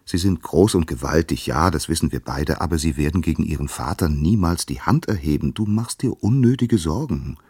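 A man's voice: rumbling low, animated, brisk, hardly any pauses, warm tone, husky, dry recording, studio quality, full character voice. A man voicing a worried, pleading mother goddess in a storybook reading. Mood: soothing. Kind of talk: storybook narration.

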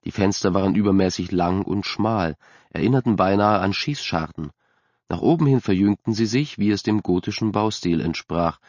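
A man reading a story aloud in a steady, measured way as an audiobook narrator. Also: low voice, no room sound. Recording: dry, slightly dull recording.

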